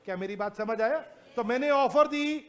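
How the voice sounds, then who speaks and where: His voice is very high-pitched as this male teacher lectures energetically, switching between Hindi and English, firing questions at students and reading legal definitions at a slow pace.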